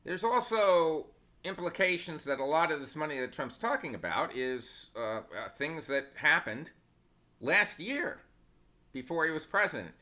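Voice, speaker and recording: A man's voice: on the high side, sing-song, a little slow, pushed and bright. A man giving casual stock market commentary, opinionated and sarcastic, wandering into asides.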